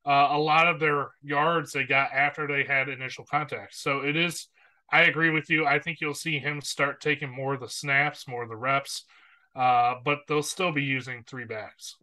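A man's voice: medium pitch, fairly even intonation, normal speed, pushed and bright, low-quality recording. A man co-hosting a sports podcast, casually giving earnest opinions and stats about a college football matchup.

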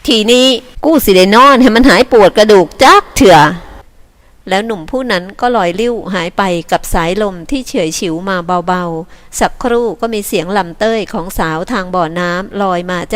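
A woman narrating an audiobook in a calm, soft, steady reading voice. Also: lowish voice.

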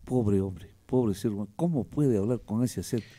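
A man's voice: fairly low pitch, moderate pace, mellow. A man hosting a casual radio interview, joking and emphatic with teasing asides. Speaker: radio host. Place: radio studio.

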